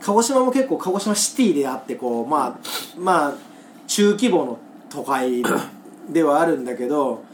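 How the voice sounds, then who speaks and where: A woman from Kagoshima hosts a casual podcast, her pitch moving a lot as she explains dialect words and laughs often. The room gives her voice a roomy echo. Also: big pitch swings, normal speed, a little hiss or hum. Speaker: podcast host. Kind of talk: casual podcast chat reading listener poems.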